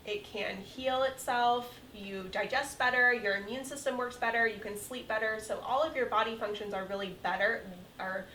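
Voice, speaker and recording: Bright-voiced chiropractor woman explaining. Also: fairly high pitch, normal speed, few pauses, distant mic. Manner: calm, clear explainer. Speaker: chiropractor guest. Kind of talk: explaining in an interview. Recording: roomy sound from off-mic with faint room hiss.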